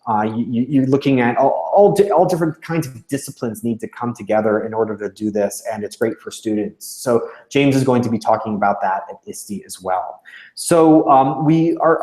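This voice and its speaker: A man giving a casual, informative chat on a livestream, halting often with fillers and restarts, his voice carrying a roomy echo. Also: mid-range voice, a little mellow. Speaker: organization representative on a livestream.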